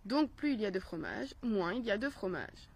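A woman reading a storybook aloud and voicing a smooth-talking, scheming male rat who speaks persuasively. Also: mid-range voice, sing-song, normal speed, exaggerated voice. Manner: persuasive, glib.

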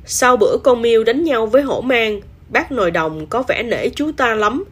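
A woman storyteller reading a children's story aloud in an expressive, animated way. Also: fairly high pitch, moderate pace, breathy edge.

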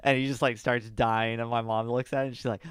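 A man's voice: mid-range voice, level tone, quick pace, smooth, no echo. A man in his twenties chatting casually in a slangy, teasing frat-bro manner. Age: 20s. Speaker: podcast co-host. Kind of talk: casual banter.

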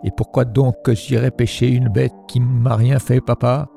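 A man's voice: medium pitch, level tone, normal speed, creaky, mellow, soft background music. A man voicing a small boy who stubbornly refuses his father, in a raised and pleading tone during a poem recital. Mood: defiant. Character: defiant little boy Prosper.

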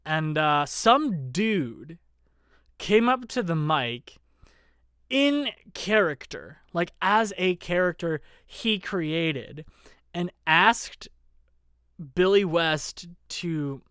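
A man's voice: on the high side, very animated, drawn-out words, a bit bright, smooth, dry recording, studio quality. A man telling a rambling, profane story in casual chat, full of fillers and self-deprecating asides.

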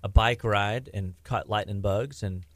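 This is a lowish male voice at a measured pace, belonging to a middle-aged health practitioner. He's in a laid-back podcast conversation, wandering through his points with frequent restarts and filler words.

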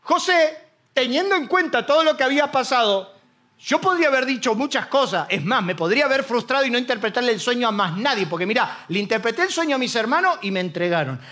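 Preaching with energy, this middle-aged man speaks Spanish with a Rioplatense accent and imitates the voices of those he quotes. His pitch is extremely high and his delivery fast.

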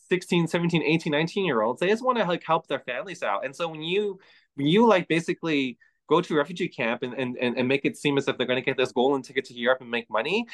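A man talking as an interview guest, earnest and halting, with a slightly hoarse voice today. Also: fairly high pitch, fairly bright tone, rough recording. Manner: earnest, halting, many restarts and fillers. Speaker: guest, activist and songwriter. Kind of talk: casual interview chat.

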